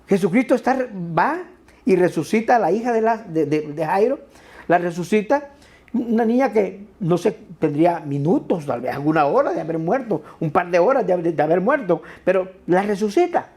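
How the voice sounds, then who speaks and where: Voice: mid-range voice, expressive, moderate pace, a little mellow, slightly rough. A pastor giving a sermon in a conversational way, checking in with tag questions and repeating words for emphasis.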